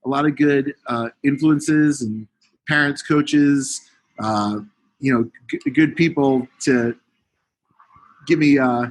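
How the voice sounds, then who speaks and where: A man from Connecticut, a podcast guest who talks in a relaxed, rambling way. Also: medium pitch. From Connecticut, USA. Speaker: guest, fitness coach. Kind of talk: podcast interview.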